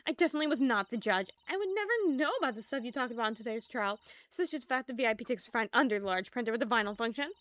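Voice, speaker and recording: A woman's voice: fairly high pitch, animated, very fast, hardly any pauses, a bit bright, no echo, pitched above the performer's own voice. A woman voicing a theatrical, justice-obsessed girl idol in a game, speaking in a grandiose, declaiming way. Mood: bragging.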